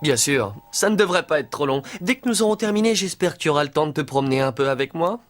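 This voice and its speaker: A man's voice: fairly high pitch, animated, fast talker, faint music behind, close to an everyday voice. A man voicing a self-assured, smug teenage boy TV star in a cartoon. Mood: smooth, confident. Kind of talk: French anime-style dubbing.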